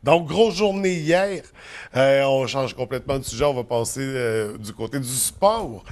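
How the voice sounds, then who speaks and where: A man's voice: mid-range voice, animated, unhurried. A man with a Quebec French accent hosting an informal conversation and moving it between segments. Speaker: host.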